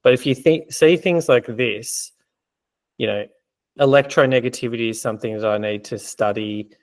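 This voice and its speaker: A man's voice: mid-range voice, normal speed. Man tutoring casually in a Q&A. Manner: conversational, explaining with many fillers. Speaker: exam prep tutor. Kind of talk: casual teaching Q&A.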